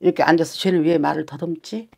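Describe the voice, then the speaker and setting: A woman's voice: low voice, steady tone, fast, gravelly, a little mellow, slightly rough. A woman shaman giving a fortune-telling session, talking bluntly and scolding with coarse words.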